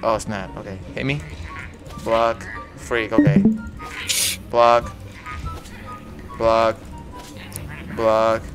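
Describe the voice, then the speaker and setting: A young man giving casual, slangy gameplay commentary in a low mumble, with faint music behind. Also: steady tone, drawn-out words, pauses often. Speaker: gaming YouTuber.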